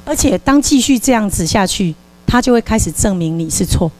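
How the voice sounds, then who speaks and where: A woman's voice: mid-range voice, brisk. A woman giving a live parenting lecture and acting out a scolding parent with a volunteer. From Taiwan. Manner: lively, acts out scolding parent lines. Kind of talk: live lecture with stage role-play.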